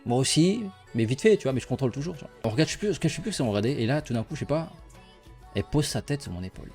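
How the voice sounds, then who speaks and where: A man's voice: mid-range voice, expressive, very fast, a little mellow, faint music behind. A young man casually telling a personal story to his viewers, rambling and playful, laughing often as he goes.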